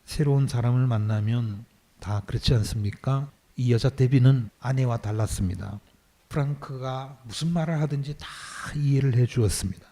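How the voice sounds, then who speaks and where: A middle-aged pastor preaching a sermon, telling stories and acting out quoted lines with a raised voice. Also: male voice, medium pitch, normal speed, dark tone.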